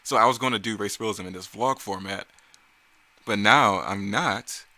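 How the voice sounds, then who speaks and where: There's no echo on this recording of a man whose voice sits on the low side, bright and forceful, at a moderate pace. As creator of a motion comic series, he gives rambling, self-correcting, off-the-cuff commentary about his own work.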